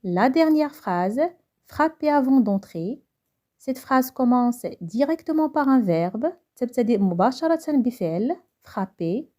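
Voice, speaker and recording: A woman's voice: fairly high pitch, lively intonation, moderate pace, few pauses, mellow. A young woman with a Moroccan accent teaching a French grammar lesson, who explains each point and then repeats it in Moroccan Arabic.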